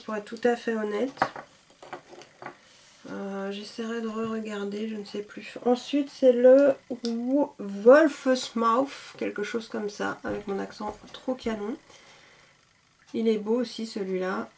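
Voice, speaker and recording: Beauty vlogger, woman, casual and enthusiastic, voice sits a bit high. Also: fairly even intonation, measured pace, gravelly, dark tone, a little hiss or hum. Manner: chatty, enthusiastic, many fillers. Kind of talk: casual product showcase.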